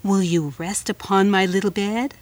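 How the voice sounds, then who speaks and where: A woman putting on a low, coaxing spider. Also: steady tone, moderate pace, darkish tone, no echo, distant mic, natural voice. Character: cunning sweet-talking male spider.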